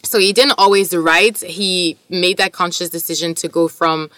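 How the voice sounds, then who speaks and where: Female co-host, native French speaker, slightly low register, informal and effusive delivery, close dry sound. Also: fairly even intonation, moderate pace, a bit bright, no echo. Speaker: podcast co-host discussing articles and poetry. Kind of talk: casual discussion with some poetry reading.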